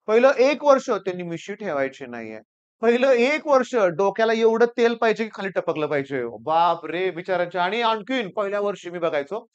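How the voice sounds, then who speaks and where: A male teacher from Maharashtra giving advice to students through lively storytelling, acting out the people he quotes. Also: high-pitched, clear, resonant tone, lo-fi sound. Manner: animated storytelling, acts out quoted students and seniors.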